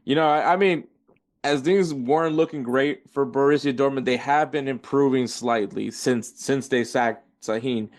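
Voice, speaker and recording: A man hosts a casual football podcast at an ordinary, middle pitch. He rambles and corrects himself as he works through league standings and stats. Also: normal speed. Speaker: podcast host.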